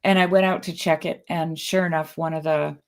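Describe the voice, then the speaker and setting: This Canadian co-host speaks a little fast in a low-sitting voice with fairly even intonation. Chatting casually on a podcast, she spins a rambling personal story, often restarting and breaking into laughter.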